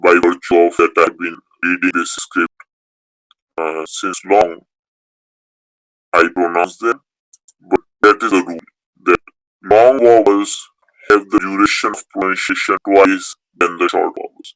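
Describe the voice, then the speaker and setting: A man's voice: deep voice, fairly bright tone, dry recording, low-quality recording. A man teaching a beginners' Sanskrit class, explaining rules step by step and repeating key points. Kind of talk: online class lecture.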